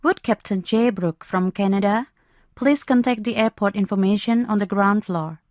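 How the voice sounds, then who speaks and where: A woman's voice: mid-range voice, moderate pace, a little mellow, dry recording, natural voice. A woman playing a formal airport announcer reading scripted announcements. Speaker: airport announcer in listening exercise.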